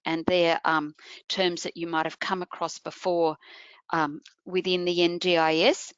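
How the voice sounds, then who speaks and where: A woman with a lower-pitched voice presents an informational webinar, guiding listeners through each point. Her voice comes over a computer mic, dry and close, with dull, muffled online audio. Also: level tone, unhurried, smooth, no echo. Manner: explanatory, addresses listeners directly.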